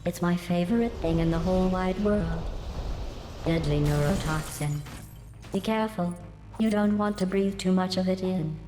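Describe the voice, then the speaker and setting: Woman acting low, reverberant, menacing female computer. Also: normal speed, music in the background, close to an everyday voice. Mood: gloating. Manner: deadpan, mock-sweet, passive-aggressive. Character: sarcastic, menacing female artificial intelligence running deadly tests. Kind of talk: video game character acting. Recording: long hall-like reverb.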